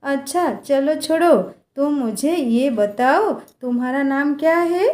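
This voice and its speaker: A curious, stubborn little village boy, as a woman storyteller puts him on. His voice sits high, and he protests with insistent urgency. A storybook character voice. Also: lively intonation, takes it slowly, darkish tone. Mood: eager.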